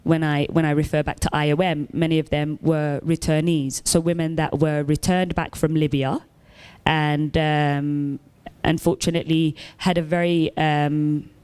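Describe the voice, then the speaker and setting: A woman from Somalia speaking on a summit panel, measured and thoughtful, with many ums. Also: low voice, darkish tone, clear, resonant tone. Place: conference hall stage.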